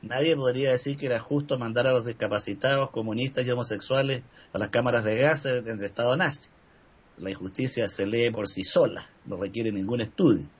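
Husky older man, measured talk. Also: medium pitch, highs cut off. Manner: measured, discursive, with frequent "eh" fillers. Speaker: panel speaker. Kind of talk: reflective discussion talk.

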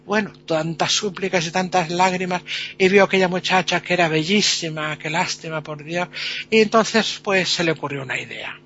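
A man tells a folk tale aloud in a lively, chatty way. His voice is high and bright for a man. The recording sounds a little dull and lo-fi. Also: moderate pace, slight background noise. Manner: lively, chatty, with many fillers. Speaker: storyteller. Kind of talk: oral folk tale telling.

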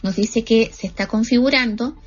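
A woman presenting a tutorial, calmly explaining each screen gesture to her listeners step by step. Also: on the high side, normal speed. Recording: muffled lo-fi audio, faint music.

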